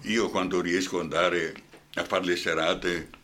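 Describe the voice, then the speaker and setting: A man's voice: low-pitched, flat delivery, measured pace, pushed and bright. An older man with a Brescian accent, an actor guest in a radio interview, talking passionately and often asking "hai capito?".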